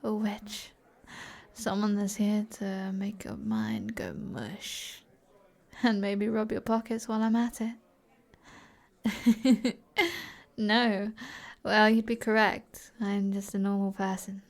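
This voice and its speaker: A British woman plays an alluring, flirtatious sorceress in an ASMR roleplay, teasing in a soft, breathy, mid-range voice that often sinks toward a whisper. She goes slowly, with long pauses, and her mood is wry and coy.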